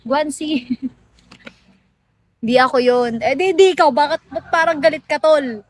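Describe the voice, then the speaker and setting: A woman's voice: high voice, a little slow, no echo. A woman from the Philippines hosting a casual phone livestream, chatting playfully with viewers, teasing and laughing often and slipping into English. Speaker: livestream host.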